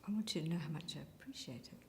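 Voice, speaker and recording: An actress playing a weary, resigned middle-aged mother in prison, speaking in a hushed, whispery voice. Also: low-pitched, rapid-fire, a little hiss or hum. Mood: quiet. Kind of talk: drama acting. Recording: echoey room.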